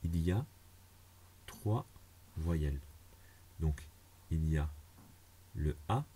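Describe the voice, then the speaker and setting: A man's voice: rumbling low, animated, very slow, dark tone, breathy edge. A man teaching a beginners' language lesson, patiently walking through each step and repeating it plainly. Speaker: Arabic teacher.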